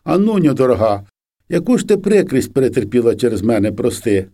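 A man's voice: medium pitch, lively intonation, fairly quick, dark tone. A man voicing a remorseful young soldier. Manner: tender, pleading.

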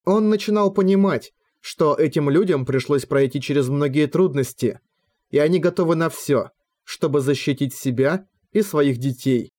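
A man reads a fantasy audiobook in a measured, steady storytelling voice. His voice sits a little higher than most men's. He lifts his voice slightly for the characters' lines. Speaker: audiobook narrator. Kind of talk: scripted fantasy novel narration.

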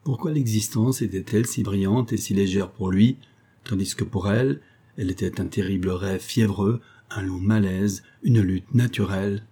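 A man narrating a novel as an audiobook, in a measured storytelling manner. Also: on the low side, dark tone, slightly rough. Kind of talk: scripted narration.

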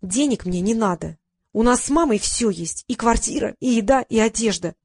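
A woman reading the lines of a calm, stubborn teenage girl in an audiobook. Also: a little high, moderate pace, dry recording. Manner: calm and matter-of-fact.

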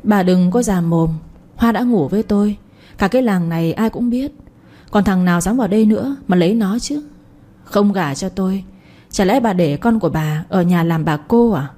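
A cocky young villager who taunts and orders people about in a spoken storybook, as a woman narrator puts him on. He talks quickly in a warm, dark, slightly husky voice. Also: mid-range voice, lightly acted. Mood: taunting. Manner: commanding, taunting, defiant. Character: brash arrogant young village man.

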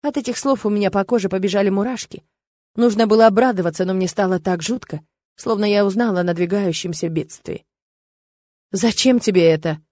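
A woman telling a fantasy story in the first person, with lively, expressive delivery. Her voice is mid-pitched, and the sound is dry and close. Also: fast, no echo. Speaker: audiobook narrator.

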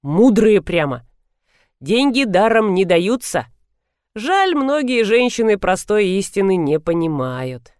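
An easygoing male traffic inspector chats in a relaxed, folksy way, as a woman acts him out. The sound is dry and close, and the pitch moves a lot. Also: slow, no room sound. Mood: approving.

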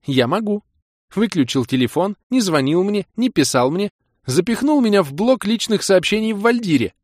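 A man's voice: sits high, expressive, darkish tone, no echo, studio quality, pitched above the performer's own voice. A man reading an audiobook voices a hot-tempered young woman who scolds her boyfriend, then teases him. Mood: indignant. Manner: indignant, scolding, quick to forgive. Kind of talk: audiobook character voice.

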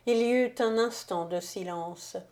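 A woman narrating a classic novel as an audiobook reader, measured and literary. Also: on the high side, a little mellow. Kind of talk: scripted narration.

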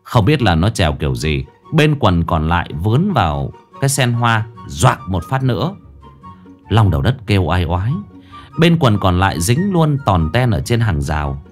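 Animated male narrator for a comic tale, faint music. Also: low-pitched, moderate pace. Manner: lively, comic storytelling. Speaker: storyteller. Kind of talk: audio story narration.

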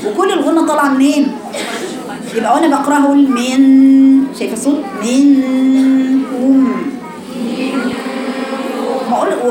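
A woman with an Egyptian accent who teaches Quran recitation. She corrects her students and shows each sound by repeating it slowly. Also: sits high. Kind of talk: tajweed lesson correcting students. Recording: echoey room with noise.

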